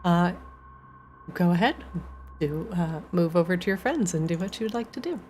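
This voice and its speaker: A woman's voice: on the low side, expressive, moderate pace, darkish tone, a little hiss or hum. A woman narrating a tabletop game casually as its game master.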